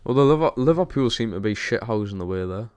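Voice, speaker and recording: A man's voice: fairly low pitch, animated, fast, darkish tone, clean tone. A young man with a Geordie accent, chatting casually over a football game while streaming and reading chat. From Newcastle, England. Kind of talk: casual gaming stream commentary.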